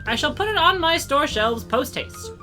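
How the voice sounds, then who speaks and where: A woman's voice: high voice, sing-song, moderate pace, sharp tone, faint music behind, full character voice. A woman voicing a shifty male shopkeeper in a game, announcing things in a stagey, exaggerated way. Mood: falsely hearty. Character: shifty, over-loud, theatrical man shopkeeper. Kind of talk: video game dialogue read aloud in character.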